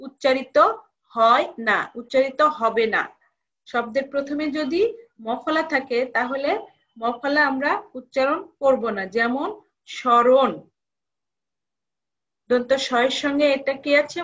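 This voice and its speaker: A woman's voice: sits high, muffled recording. A woman college lecturer giving a recorded lesson, repeating each rule and asking students questions.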